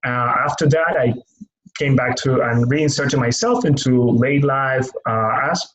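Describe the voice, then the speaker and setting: A young Cuban man, a native Spanish speaker with a Cuban Spanish accent, works as a lay pastoral care worker and reflects on his life in a personal interview. He speaks thoughtfully at a measured pace, searching for words, his mid-range voice fairly bright. The audio has its highs cut off.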